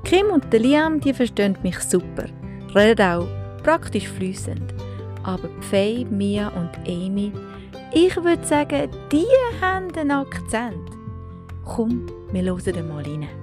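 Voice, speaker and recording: Very animated yet unhurried, this medium-pitched Swiss mother in her forties vlogs casually to the camera in a Swiss German accent, laughing a lot and mixing in English words. Music plays in the background.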